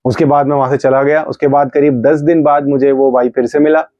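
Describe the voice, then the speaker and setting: A man's voice: mid-range voice, flat delivery, a little fast, dark tone, no room sound. A middle-aged man, a pastor, telling his testimony in a fervent sermon, acting out his own rebukes as he goes. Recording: slightly dull, dry recording.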